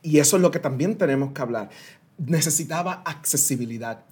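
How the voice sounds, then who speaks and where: Speaking fairly quickly in a high-leaning, slightly mellow voice with a breathy edge, a Puerto Rican man in his thirties explains ideas during an interview. He is a guest consultant who gets animated, using everyday analogies and sprinkling in English words.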